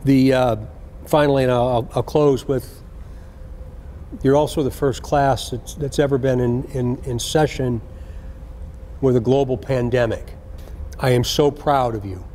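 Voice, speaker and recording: A man, a senior police official, gives an earnest, deliberate address to recruits, repeating key phrases for emphasis. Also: medium pitch, steady tone, warm tone, slight background noise.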